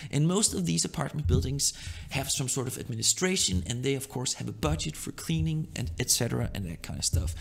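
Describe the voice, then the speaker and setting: A young man from Denmark giving relaxed business advice in a loose, chatty monologue, often checking in with "right?". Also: mid-range voice, fairly quick, vocal fry, slightly rough. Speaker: online business vlogger.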